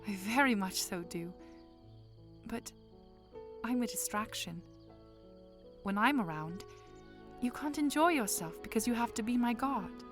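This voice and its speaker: A woman's voice: a little high, lively intonation, a little slow, pauses often. A woman playing a polite, earnest young princess with formal, articulate phrasing in a fan audio drama, music behind her.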